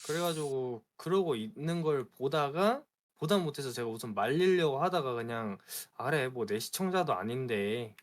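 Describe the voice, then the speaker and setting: A man, a streamer, telling a story in a casual chat, animated and aggrieved. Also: medium pitch. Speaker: streamer guest.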